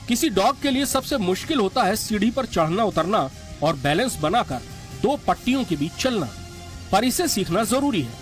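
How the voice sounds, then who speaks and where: A man narrates a documentary from a script. His voice sits somewhat high for a man, with soft music playing behind him.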